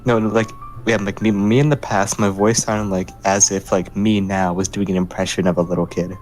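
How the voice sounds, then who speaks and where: A man's voice: fairly low pitch, flat delivery, a little fast, darkish tone, faint music behind, rough recording. A young man hosting a casual podcast chat, loose and joking, laughing often. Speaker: podcast host.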